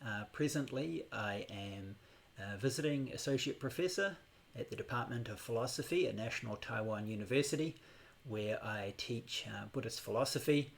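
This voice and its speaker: Gravelly-voiced New meditation teacher. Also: male voice, medium pitch. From New Zealand. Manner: unhurried, with frequent hesitations. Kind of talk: live-streamed class introduction. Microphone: new microphone on a laptop setup.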